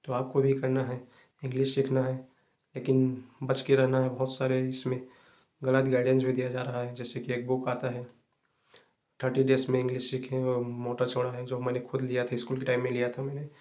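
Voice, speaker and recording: A young man hosting an English-learning channel, giving fast, repetitive, casual advice to viewers. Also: medium pitch, monotone, dark tone.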